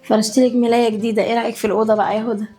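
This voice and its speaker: An actress with an Egyptian accent playing a caring young wife who coaxes and pleads to calm the family. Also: female voice, a little high, racing, over music, natural voice. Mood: welcoming. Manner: warm, coaxing, pleading.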